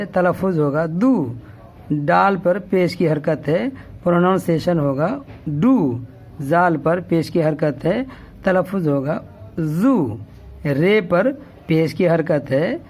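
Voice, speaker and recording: A man's voice: fairly high pitch, darkish tone. A man teaching the Urdu alphabet step by step, patiently repeating each vowel sound and often checking in with the learner. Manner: patient, repetitive, checks with "okay?".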